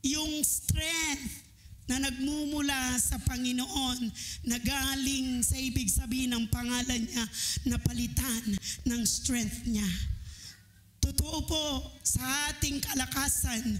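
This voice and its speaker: A woman preaching a sermon at a church service, sharing a personal testimony in an animated way, often laughing and sometimes breaking into shouts. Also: sits high, slow pace, background noise.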